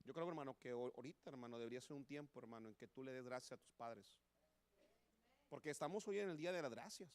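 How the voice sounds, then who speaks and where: A pastor with a Mexican Spanish accent preaches an impassioned sermon in a church sanctuary, saying "hermano" over and over. His voice is mid-range and he talks fast.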